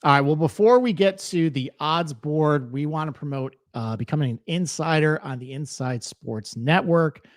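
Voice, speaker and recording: A man co-hosts a casual podcast, chatting loosely with plenty of fillers and easy laughter. His voice sits a little high, and the recording is dry and close with almost no room sound. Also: normal speed, hardly any pauses, no echo. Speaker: podcast co-host.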